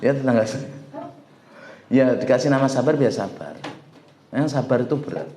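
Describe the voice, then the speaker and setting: Joking ustadz in an echoey room. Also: male voice, medium pitch, slight background noise. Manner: lively, joking with the audience, quotes Arabic slowly. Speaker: ustadz giving a religious study talk. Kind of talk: informal sermon.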